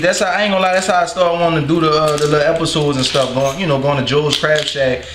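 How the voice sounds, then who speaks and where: A man from New Orleans with a New Orleans accent, casually chatting and joking with viewers while cooking in his home kitchen. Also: fairly high pitch. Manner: slangy, rambling, joking to viewers. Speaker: cooking video host. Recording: echoey room with clear noise.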